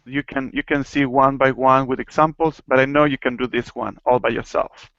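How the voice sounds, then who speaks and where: A man's voice: medium pitch, fairly even intonation, fairly bright tone, dry recording, dull audio. A man from Argentina with an Argentine accent, teaching a Spanish lesson online and explaining things patiently. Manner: patient, explains slowly, chuckles at own jokes.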